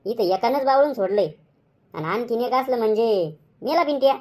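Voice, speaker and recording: A man's voice: extremely high pitch, expressive, brisk, darkish tone. A man voicing a harried middle-aged village husband in a cartoon comedy, with a Khandeshi Marathi accent and a grumbling, weary manner.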